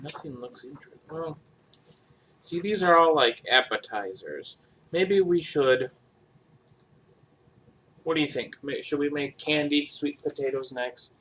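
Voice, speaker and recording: Slow, flat-voiced man in a kitchen. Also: a little hiss or hum. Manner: low-energy, monotone, rambling with fillers. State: dry throat, feeling sick. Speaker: cooking vlogger. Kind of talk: casual cooking vlog chat. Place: home kitchen. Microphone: camera across the kitchen.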